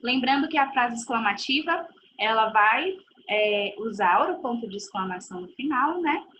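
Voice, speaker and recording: A woman's voice: a little high, lively intonation, normal speed, fairly bright tone, muffled recording, slight background noise. A woman giving a recorded video lesson to pupils, patiently repeating points and checking they follow. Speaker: teacher.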